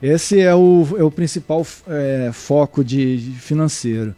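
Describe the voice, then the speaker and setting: Halting middle-aged Brazilian man, dark tone. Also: on the high side, no echo. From Brazil (born in Salvador, raised in Niterói). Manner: halting, with many restarts and fillers. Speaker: guest, amateur surfer and surf instructor. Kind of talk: casual interview answers. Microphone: remote mic, at first too far away.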